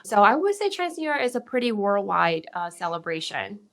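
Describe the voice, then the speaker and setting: A woman's voice: medium pitch, sing-song, fairly quick. A woman from central Taiwan, co-hosting a casual podcast chat in English and explaining things thoughtfully with terms mixed in. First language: Mandarin. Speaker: podcast co-host.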